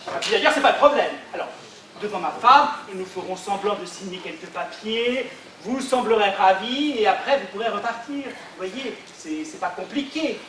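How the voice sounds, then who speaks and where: A man's voice: high-pitched, bright, forceful tone, a little hiss or hum. A man acting in an amateur stage comedy, flustered and bossy, stammering as he gives orders. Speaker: stage actor playing a flustered businessman. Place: theatre stage. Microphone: far room mic. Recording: echoey stage from far off, audience.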